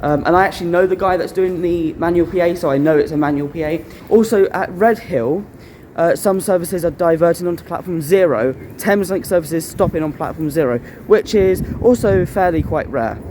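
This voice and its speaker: A man's voice: on the high side, a little fast, few pauses, darkish tone. A man giving a casual, explanatory vlog outdoors at a railway station. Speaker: vlogger. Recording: faint outdoor station noise. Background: trains and station ambience.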